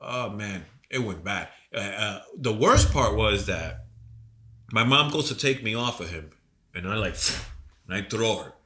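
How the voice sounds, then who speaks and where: A man's voice: on the low side, expressive, measured pace, sharp tone. A man with a cold, co-hosting a podcast and telling a rambling, profane story in casual chat. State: sick with a cold. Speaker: podcast co-host.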